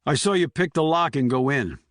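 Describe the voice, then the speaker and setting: A man's voice: fairly high pitch, lively intonation, a little fast, a bit bright, no echo, studio quality. A man voicing terse army investigator Puller. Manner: terse, controlled.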